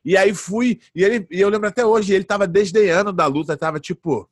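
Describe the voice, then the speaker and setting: A man near forty recounts his fights in a relaxed interview, acting out the voices of people in his stories. His voice sits a bit high for a man. The sound is dry and close, with no room around it. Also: fairly quick, no echo. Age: late 30s. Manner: animated anecdotes, acts out quoted voices. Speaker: guest, jiu-jitsu fighter. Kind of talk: casual storytelling interview.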